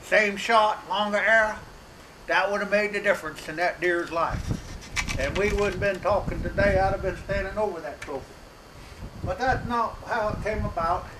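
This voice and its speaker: High-voiced deadpan folksy hunting man. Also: normal speed. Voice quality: slightly hoarse. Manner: folksy rural drawl, rambling, deadpan. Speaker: comedic hunting show host. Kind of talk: deadpan comedy monologue. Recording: outdoor wind and noise on mic.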